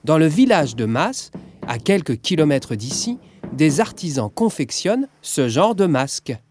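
A friendly young fisherwoman who explains things to the children, as a man narrator puts her on. The voice is lifted high and lively in a children's audiobook. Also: measured pace, a little hiss or hum.

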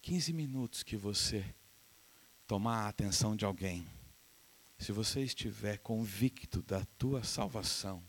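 Preaching with a fairly low pitch at a slightly slow pace, a middle-aged man from Brazil tells stories from the pulpit. He's animated, performs the quoted voices of his characters, and shares laughs with his congregation.

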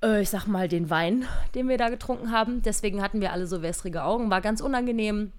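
A woman's voice: mid-range voice, quick pace. A woman co-hosting a casual chat podcast, playful and ironic, often laughing. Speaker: podcast co-host.

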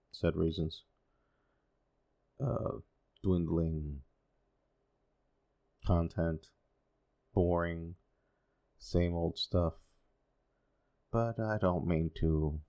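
This solo podcast host has a deep, gravelly voice with a darkish tone. He's a Dominican man in his forties, Spanish his first language, who rambles along using lots of fillers and wry, sarcastic jabs at himself.

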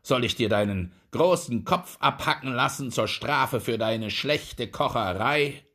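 A man reading a fairy tale, voicing a proud, hot-tempered duke in a loud, pompous, commanding voice. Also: mid-range voice, expressive, measured pace. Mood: furious.

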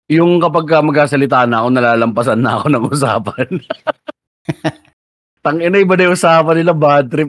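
A man's voice: fairly high pitch, no room sound, studio quality. A man co-hosting a podcast in casual chat, loose and laughing, swearing freely. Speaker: podcast co-host.

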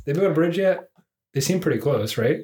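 A man's voice: a little high, animated, a little fast, mellow. A young man co-hosting a podcast, making dry quips and laughing at his own jokes. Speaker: podcast co-host. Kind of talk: casual comedy chat. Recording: roomy echo with faint noise.

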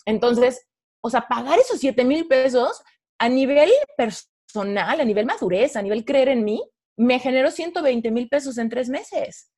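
A woman's voice: sits high, a little slow, darkish tone. A woman in her thirties with a Mexican accent, a podcast guest telling her own story in casual conversation and acting out her past thoughts.

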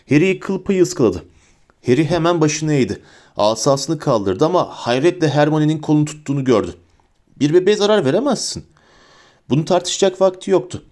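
A man narrating an audiobook in a warm, mellow voice of ordinary pitch. He tells the story with lively expression and lifts his voice high for the characters' cries.

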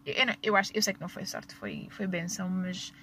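A young woman hosts a podcast from a parked car, telling personal stories casually in a European Portuguese accent, laughing often and correcting herself along the way. Her voice is lowish, bright and pushed, and she talks fast. There's a slight hiss or hum in the background.

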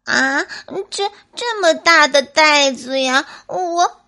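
A woman's voice: high-pitched, slow pace, pushed and bright, voice pushed up, full character voice. A woman voicing a small, timid young squirrel boy in a bedtime story, stammering and tearful. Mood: scared tearful.

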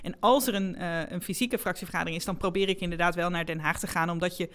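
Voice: medium pitch, fairly even intonation, fast, a bit bright. A politician talking casually about a new role, chatty and full of hesitations. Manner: chatty and hesitant, many fillers and restarts. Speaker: newly elected politician, interviewer. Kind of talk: casual conversation.

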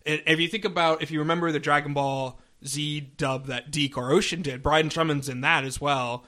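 A man's voice: a little high, fairly even intonation, moderate pace, sharp tone. A man co-hosting a podcast in casual chat, rambling with many restarts and fillers. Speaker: podcast co-host.

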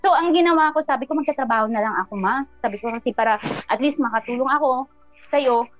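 A woman guest recounting her personal story in an interview, earnest and animated, often trailing off with fillers. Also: sits high, quick pace, no echo. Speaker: guest, business owner. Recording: muffled sound with faint music.

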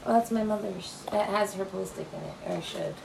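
A woman in casual chat, blunt and quick to swear, trailing off into mumbles. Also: mid-range voice, creaky, very noisy. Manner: blunt, swears freely, drifts from loud to mumbled.

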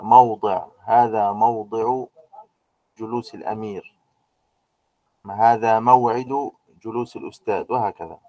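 Male teacher, mellow tone, dry close sound, patient step-by-step explainer. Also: lowish voice, vocal fry, no room sound. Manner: explains step by step, with many "aah" fillers and rhetorical questions. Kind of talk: grammar lecture.

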